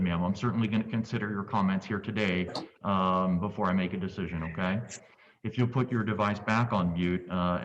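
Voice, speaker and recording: A man presiding as judge over a virtual court hearing, speaking in a measured, polite, procedural way. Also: low voice, slight background noise. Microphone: video call. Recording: muffled distant video call audio.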